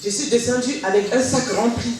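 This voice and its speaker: A woman giving a spoken testimony in church, telling her story in a lively way and acting out the voices of the people in it. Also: a little high, fairly quick. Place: church hall. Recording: echoey hall from far off, faint noise.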